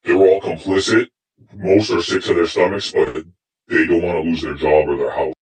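A man's voice: steady tone, normal speed, roomy sound. A man calling into a live stream through an electronic voice disguiser, giving short, grave answers. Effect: electronic voice disguiser, pitched very deep. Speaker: anonymous caller on a live stream. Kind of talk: live call-in interview.

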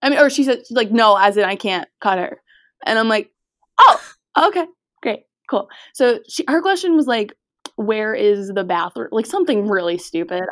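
A woman's voice: medium pitch, normal speed, no room sound. Young woman, casual podcast co-host, chatty storyteller with lots of fillers, dry close sound. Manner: chatty, animated, lots of "like", acts out quoted voices.

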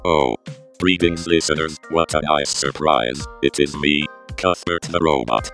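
A man's voice: a bass voice, unhurried, fairly bright tone, heavily acted. A man voicing a courteous, formal household robot with a robotic voice effect and faint music behind. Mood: polite. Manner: stiff, formal, courteous phrasing. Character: polite, helpful, formal male robot butler.

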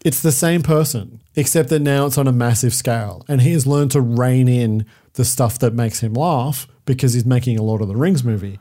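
A man talks through a film's plot on a podcast, relaxed and joking, chuckling as he goes. His voice is dark and mellow. He keeps the chat casual and dry. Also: medium pitch, normal speed. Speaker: podcast co-host. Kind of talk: casual movie-review chat.

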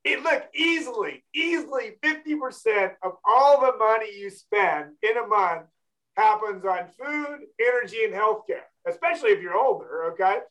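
A man's voice: high voice, animated, moderate pace, a bit bright, poor audio. A man hosting a financial talk show, blunt and emphatic, often checking in with "okay?". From California. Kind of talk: casual talk show chat.

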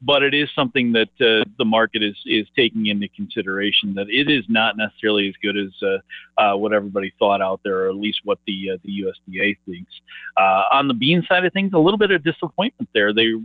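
A man comes through over the phone, his voice low and squeezed into a narrow, tinny band. The line is dry, with no room echo. He talks as an analyst in a halting way, full of fillers and restarts. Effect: heard over the phone. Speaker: market analyst guest. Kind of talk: phone interview on grain markets.

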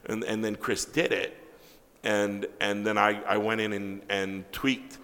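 A man, a comic book writer, telling casual anecdotes in an interview, animated, acting out quoted dialogue and swearing freely. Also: lowish voice, unhurried, long reverb tail.

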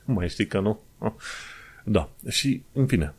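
A man from Romania talks straight to his viewers in a loose, conversational monologue. His voice sits fairly low, and he explains patiently, wandering off on small tangents and pausing to find his words. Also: expressive, a little mellow, slightly rough. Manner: chatty, digressive, explains step by step with hesitations.

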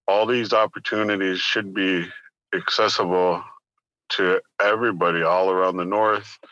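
A man from Arctic Canada, giving plain-spoken, reflective interview answers and pausing between phrases. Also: deep voice, sharp tone, no echo, dull audio. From Arctic northern Canada. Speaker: interview guest, business owner.

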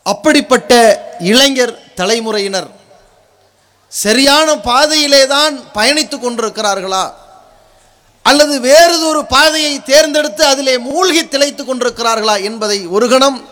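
Man preaching like a thundering orator, really high pitched, slow deliberate pace, forceful short phrases. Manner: forceful, declamatory, rhetorical build-up in short phrases.

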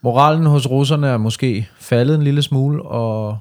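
Male podcast co-host, medium pitch, casual colloquial delivery in short remarks. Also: a little mellow. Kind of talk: casual chat.

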